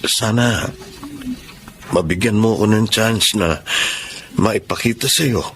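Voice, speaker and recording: A man playing an earnest young adult suitor in a radio drama, slow and tender. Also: fairly low pitch, fairly bright tone, a little hiss or hum. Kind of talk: Filipino radio drama acting. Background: background music.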